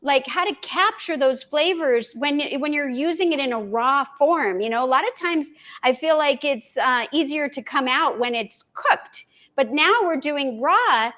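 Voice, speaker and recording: A woman's voice: high-pitched, lively intonation, unhurried, a bit bright. A woman hosting an interview, encouraging her guest and asking questions with some hesitation. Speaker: host. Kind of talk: casual interview chat.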